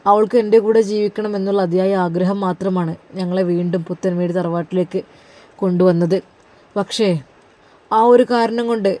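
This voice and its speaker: A narrator voicing a worried, pious young husband, pleading in earnest prayers. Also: male voice, high-pitched, dark tone, close to an everyday voice. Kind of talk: storybook narration, inner monologue.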